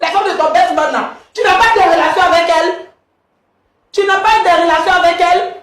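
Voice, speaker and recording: A woman's voice: extremely high pitch, steady tone, fairly quick, echoey room. A woman confronting her husband, accusing him and repeating herself insistently. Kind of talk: heated confrontation.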